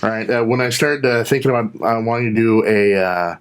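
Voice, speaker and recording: A man's voice: on the low side, fairly quick, clear, resonant tone. A man appearing as a guest in a casual chat, joking and enthusiastic as he spins a comic bit. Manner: jokey, enthusiastic, tells comic bits. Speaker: guest, internet radio co-host.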